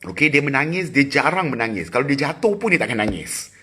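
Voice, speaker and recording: A middle-aged man with a Malaysian accent, chatting casually with viewers on a phone livestream, teasing and quick with asides. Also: medium pitch, big pitch swings, sharp tone, husky. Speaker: livestream host. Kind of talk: casual live chat with viewers.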